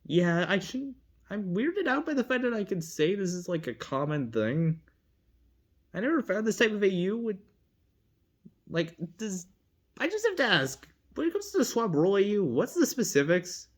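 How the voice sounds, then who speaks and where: Giggly rambling fandom vlogger, lively pitch. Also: normal speed. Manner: rambling, giggly, lots of self-corrections and asides. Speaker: fandom video creator. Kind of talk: casual rambling commentary.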